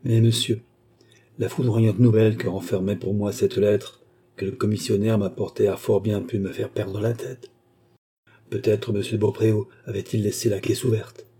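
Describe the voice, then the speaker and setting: A man's voice: on the low side, little pitch movement, moderate pace, dark tone, breathy edge. A man reading the part of a despairing young prisoner, speaking in a hollow, desperate way.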